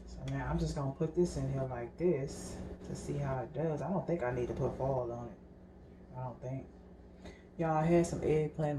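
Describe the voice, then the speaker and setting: Low-voiced woman chatting in an echoey kitchen. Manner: chatty and rambling, keeps addressing viewers as y'all. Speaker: vlogger. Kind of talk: casual cooking vlog chat. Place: home kitchen. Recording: echoey room with background noise.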